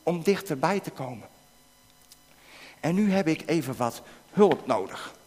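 Lively high-voiced man preaching to kids. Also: unhurried, husky. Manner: animated, coaxing questions to children, bursts into shouting. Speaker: preacher leading a children's talk. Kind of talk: interactive object lesson with children. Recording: long hall reverb.

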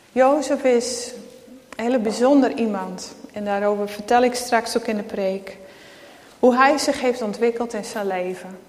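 A woman preacher giving a sermon, praying and reading scripture aloud in a calm, earnest way. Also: fairly high pitch. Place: church. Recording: echoey church hall.

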